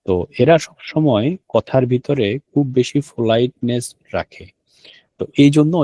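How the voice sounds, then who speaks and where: A man with a dark mid-range voice, recorded dry, teaches a language online. He takes students through each step, poses questions to them, and keeps repeating the key terms.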